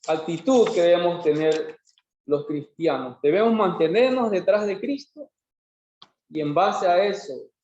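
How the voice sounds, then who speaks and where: A man's voice: a little high, darkish tone. A man preaching a sermon in a church, driving points home with rhetorical questions and emphatic repetition. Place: church worship hall. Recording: very echoey hall, dull lo-fi sound.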